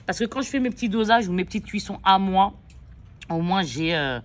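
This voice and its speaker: A chatty woman, a mother, showing off her shopping to her viewers in a loose, rambling way. She fills her talk with little pauses and corrects herself as she goes. Her voice sits in a middle range, with a faint hiss behind it. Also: mid-range voice, expressive. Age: adult mother. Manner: chatty, rambling, many fillers and self-corrections; addresses viewers directly. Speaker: vlogger. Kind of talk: casual shopping haul chat.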